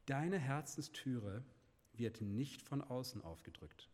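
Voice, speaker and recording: A man giving a sermon, asking his listeners questions and dropping to a soft, hushed voice when he speaks God's words. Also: mid-range voice, expressive, slow, big-room sound, slight background noise. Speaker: preacher.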